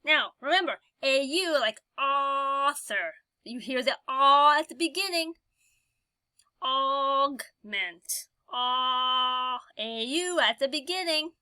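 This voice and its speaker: A woman teaching a phonics lesson, slowly sounding out vowel sounds and stretching each one out for the learner. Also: high voice, lively intonation, pushed and bright, no echo. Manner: slow, drawn-out sounding of vowels.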